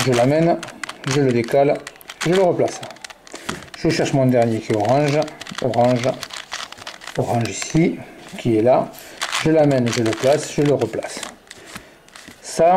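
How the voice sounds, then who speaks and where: Man, tutorial presenter, mellow tone, calls out moves as he turns the puzzle, faint hiss behind. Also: medium pitch. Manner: muttering moves and colors aloud. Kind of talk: step-by-step tutorial talk.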